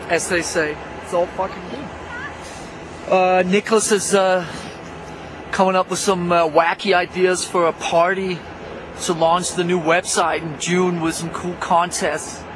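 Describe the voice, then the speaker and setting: A man in his thirties chatting loosely to a handheld camera outdoors on a snowy ski slope, joking with lots of fillers. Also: high-pitched. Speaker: vlog host. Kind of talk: casual on-camera chat. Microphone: handheld camera held close. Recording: outdoor wind and ambient noise.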